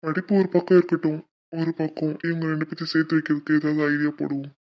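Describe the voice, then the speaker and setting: A woman's voice: low voice, flat delivery, quick pace, highs cut off, natural voice. A woman voicing a level-headed young male college friend who reasons and soothes. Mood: earnest.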